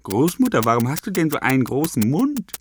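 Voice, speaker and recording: A man's voice: mid-range voice, very animated, brisk, a little hiss or hum, pitched above the performer's own voice, lightly acted. A man voicing a naive little girl in a raised, whiny voice. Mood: pleading.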